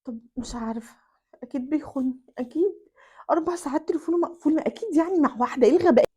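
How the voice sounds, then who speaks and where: Woman playing a jealous egyptian wife, quiet sulky mutter, quick. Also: a little high, flat delivery, husky. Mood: suspicious.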